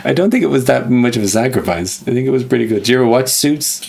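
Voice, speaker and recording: A man co-hosting a casual chat, telling animated stories and slipping into impressions. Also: medium pitch, fast, creaky, slightly rough. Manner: animated storyteller, slips into impressions, laughs often. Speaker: podcast co-host.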